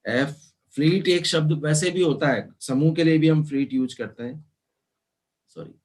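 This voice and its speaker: A man teaching an online class, explaining slowly and spelling words out letter by letter, mixing in English terms. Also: on the high side, darkish tone. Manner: mixes Hindi with English terms. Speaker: law teacher.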